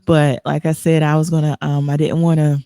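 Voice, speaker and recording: Gravelly, mellow-voiced woman host. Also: deep voice, little pitch movement, fairly quick, dry recording, studio quality. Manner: earnest, emotional, rambling with restarts. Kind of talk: casual online talk show chat.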